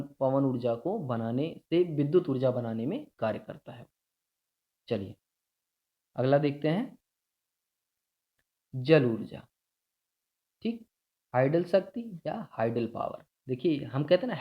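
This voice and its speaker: A man explaining a school science lesson step by step, often checking in with his students. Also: fairly high pitch. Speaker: teacher. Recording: dull lo-fi sound.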